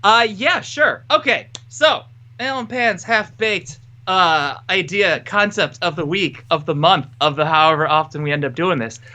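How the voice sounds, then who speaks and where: Wearing a headset mic, a podcast co-host jokes and rambles in casual conversation, frequently cutting himself off. His voice sits high with lively intonation and a sharp tone, moving a little slowly.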